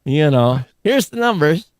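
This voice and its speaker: A man's voice: fairly high pitch, dry recording, studio quality. A man co-hosting a live podcast, rambling and grumbling like an old curmudgeon while he chats and reads out listener comments. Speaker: podcast co-host.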